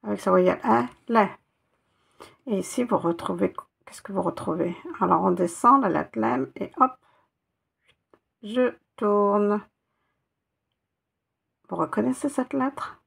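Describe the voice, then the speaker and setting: A woman's voice: mid-range voice, slow, gravelly, long pauses, a bit bright, slightly rough. A woman teaching Arabic letters one by one, patiently spelling out each sound and repeating it. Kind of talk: step-by-step reading lesson.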